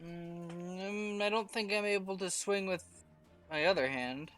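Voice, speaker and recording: A man's voice: high voice, unhurried, fairly bright tone, smooth, faint music behind. A man playing his character in a tabletop game, chatty and cheerful, a little scattered. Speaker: player.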